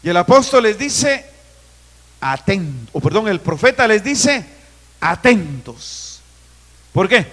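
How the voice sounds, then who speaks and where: A man in his fifties from Guatemala, a pastor preaching a sermon with emphatic, drawn-out phrases in a church. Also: high-pitched, a bit bright. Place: church sanctuary. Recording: long reverb of a church hall.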